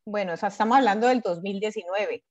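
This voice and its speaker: A woman from Cali with a Colombian accent and a mid-range voice talks fast and casually as a guest in a testimonial interview, where she is a former exam candidate. The recording is dull and lo-fi.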